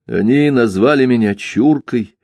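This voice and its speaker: A man's voice: fairly low pitch, moderate pace, gravelly, darkish tone, no echo, clean studio sound. A man playing a beaten, reluctant older man. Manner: reluctant, terse answers.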